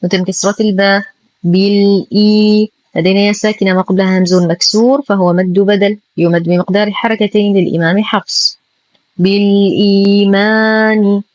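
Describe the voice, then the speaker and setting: A woman teaching Quran recitation, stretching out each model word slowly and precisely before explaining the rule in a quicker, matter-of-fact voice. Her voice sits at a middle pitch and sounds dry and close, with no room around it. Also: steady tone, dry recording. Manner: precise, slow drawn-out modeling of syllables between brisk explanations. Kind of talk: tajweed lesson with slow model recitation.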